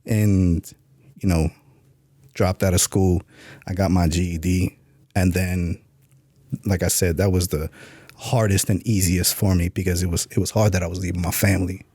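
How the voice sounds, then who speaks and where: Low, dark-voiced man telling his story. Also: fairly even intonation, moderate pace, pauses often, breathy edge, no room sound, studio quality. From New York, USA. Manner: blunt, streetwise, swears freely; acts out past dialogue in a raised voice. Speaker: podcast guest. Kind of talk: candid interview storytelling.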